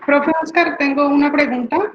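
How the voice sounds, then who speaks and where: A woman's voice: high-pitched, normal speed, highs cut off, noisy background. A woman student asking a question in a Bible class, hesitant as she searches her text.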